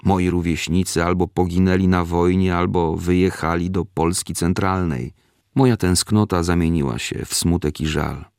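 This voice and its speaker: A man reading a first-person memoir aloud in a measured, steady storytelling manner. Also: low-pitched, dry recording, clean studio sound.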